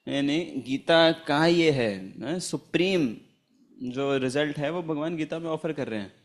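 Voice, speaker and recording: A man's voice: a little high, measured pace. A man teaching a Gita class in a chatty, storytelling manner, laughing often and chanting Sanskrit verses. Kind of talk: informal scripture class with anecdotes.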